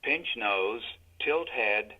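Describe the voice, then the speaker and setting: A man voicing a defibrillator prompt, giving calm, impersonal step-by-step instructions as the machine. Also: fairly low pitch, drawn-out words, faint music behind, full character voice. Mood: calm, instructive. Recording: dull, lo-fi device audio.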